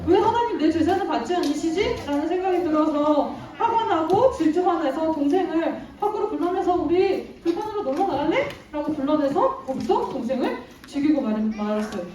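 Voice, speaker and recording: A woman's voice: very high-pitched, warm tone, a little hiss or hum. A woman teaching children in Sunday school, telling a Bible story and asking them questions, praising their answers and laughing often. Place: church room with children. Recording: echoey room from far off.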